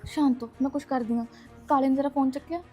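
A young woman playing a caring college student who calms her friend and coaxes an elder politely. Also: high-pitched, fast talker, soft background music, natural voice. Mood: soothing. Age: young adult. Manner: soothing, coaxing. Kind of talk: film acting.

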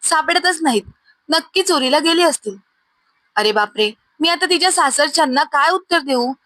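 A woman voicing a domineering old mother-in-law who laments loudly, in a storybook reading. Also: high-pitched, lively intonation, moderate pace, dry recording. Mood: wailing. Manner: loud, lamenting.

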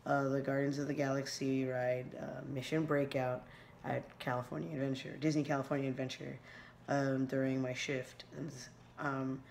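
This unboxing vlogger, a thirtysomething woman, talks through her haul in a small room at night with a scratchy, hoarse bass voice that's slightly mellow. She meanders, full of fillers and false starts, delivering it flatly at a moderate pace into the built-in mic of a camera close by.

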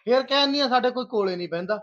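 A man's voice: extremely high pitch, very fast, a bit bright. A man playing a young son who bluntly needles his sister, in a family drama. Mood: needling. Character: young son taking his wife's side. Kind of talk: village family drama acting. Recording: dull lo-fi sound.

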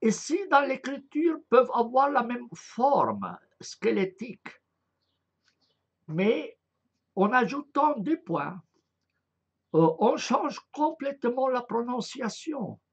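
The man's voice is very high and slightly rough, with a sing-song lilt and a slow pace, and the audio has its highs cut off. He's lecturing online about Arabic script, hesitantly, full of filler sounds, going through the letter sounds one at a time.

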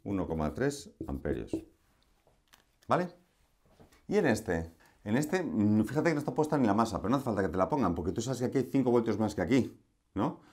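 A man's voice: lowish voice, sing-song, brisk, long pauses, a little mellow, slightly rough. Chatty man teaching a lesson. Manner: chatty, asks rhetorical questions, playful asides. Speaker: electronics teacher. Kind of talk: recorded lesson.

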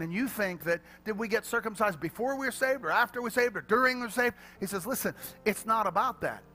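A man preaching a sermon as pastor, swinging from quiet, joking asides to loud, shouted calls to the congregation. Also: on the high side. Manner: playful storytelling with church humor.

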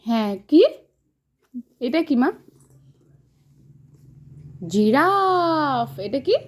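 Slow and patient, a mother guides her toddler through picture words in a high, swooping, sing-song voice. She keeps asking melodic questions and lavishing praise in what is a casual home video.

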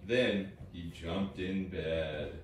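A man narrating a children's fairy tale play with expressive storytelling. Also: low-pitched, drawn-out words. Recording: distant, echoey, noisy home recording.

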